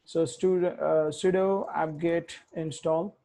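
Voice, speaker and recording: A man's voice: fairly high pitch, steady tone, slow, creaky, warm tone. Self-correcting man muttering through a tutorial. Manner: thinks aloud, self-correcting, mutters while typing. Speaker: tech instructor. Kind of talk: live coding tutorial.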